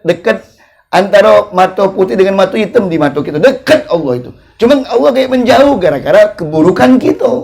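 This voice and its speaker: A man's voice: sits high, creaky, darkish tone. A man preaching with a Palembang accent, joking in a colloquial sermon and drawing out chanted invocations to God. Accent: Palembang Malay. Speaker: ustadz preacher. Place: religious study gathering.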